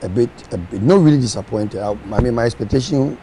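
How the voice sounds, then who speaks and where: A man's voice: mid-range voice, quick pace, mellow, a little hiss or hum. A man speaking casually about politics, hesitant and often repeating his words.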